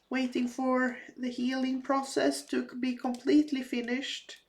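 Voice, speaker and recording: A crafting vlogger chats casually while she works, speaking slowly and haltingly with lots of fillers and restarts. Her fairly high voice is slightly raspy because she's getting over a cold.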